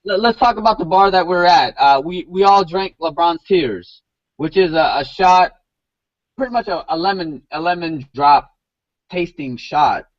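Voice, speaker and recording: Rambling podcast host, dull lo-fi sound. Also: male voice, high-pitched, moderate pace, no echo. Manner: rambling, repeats words and fills with "you know". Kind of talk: casual chat.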